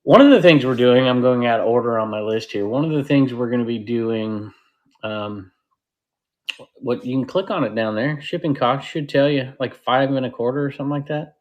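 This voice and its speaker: A man hosting a casual livestream, rambling and interrupting himself, with sudden excited bursts. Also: medium pitch, moderate pace, dull audio. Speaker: host of a live selling platform stream.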